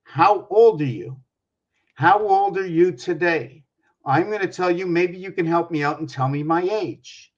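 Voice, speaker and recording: A man's voice: high-pitched, a little slow. A man in his sixties giving a rambling explanatory monologue, working through sums aloud, pointing at objects and putting questions to the viewer. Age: 60s. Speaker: numerology speaker. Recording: dull lo-fi recording.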